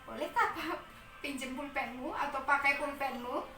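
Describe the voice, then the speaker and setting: A woman's voice: high-pitched, moderate pace, pushed and bright, reverberant, far from the mic, soft background music. A woman English teacher explaining worksheet answers in a casual, playful way, switching between English and another language and reading dialogue lines aloud.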